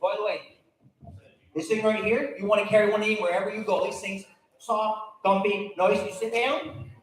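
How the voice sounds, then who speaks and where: A man acting out a folksy old backwoods hunter with a thick Vermont accent. He rambles and repeats himself in a mumbly, high-pitched voice. It is a comic stage sketch, captured in a very reverberant hall. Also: steady tone, normal speed, lightly acted. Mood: easygoing, distracted. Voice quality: thickly mumbled, hard to understand. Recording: very echoey live hall.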